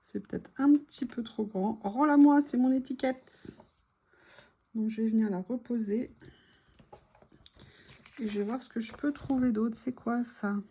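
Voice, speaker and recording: A woman's voice: on the high side, moderate pace, long pauses, warm tone, breathy edge. A woman narrating her journal crafting casually, chatty and hesitant as she describes each step. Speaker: journaling vlogger.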